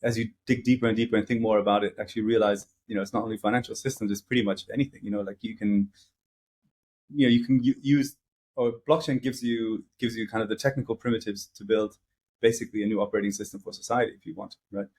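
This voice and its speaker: A man's voice: on the low side, fairly even intonation, fast, a little mellow, slightly rough. A middle-aged man talking as an interview guest, casual and hesitant, with frequent fillers and restarts. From grew up in several countries.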